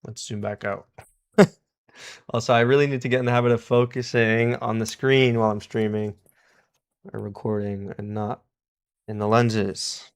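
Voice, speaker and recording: A man's voice: fairly low pitch, fairly even intonation, normal speed, long pauses, clean tone. A man hosting a casual live stream as he repairs electronics, chatting and laughing often as he thanks and greets his viewers. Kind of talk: casual live-stream chat while soldering.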